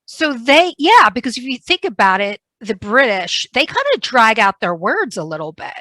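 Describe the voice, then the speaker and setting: A woman with a New Jersey accent hosting a podcast interview, chatty and quick to laugh. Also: a little high, big pitch swings, sharp tone, no room sound, rough recording. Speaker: podcast host. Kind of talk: casual interview chat.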